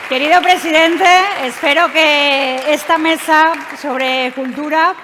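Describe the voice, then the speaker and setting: Woman, panel moderator, high bright voice, reverberant hall with faint crowd. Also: fairly even intonation, slow, slight background noise. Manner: formal, polite, thanking the guests. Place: convention venue.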